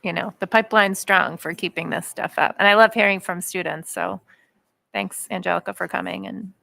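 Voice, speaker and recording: A woman's voice: mid-range voice, steady tone, a little fast, creaky, pushed and bright, no room sound. A woman on a school committee, talking in a chatty, appreciative way with many fillers at a meeting. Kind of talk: meeting discussion. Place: meeting room.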